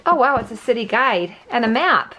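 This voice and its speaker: A woman's voice: a little high, very animated, moderate pace, pushed and bright, slight background noise. A middle-aged American woman chatting casually as a mother at home in a bedroom. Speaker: mother of the vlogger. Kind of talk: casual family chat.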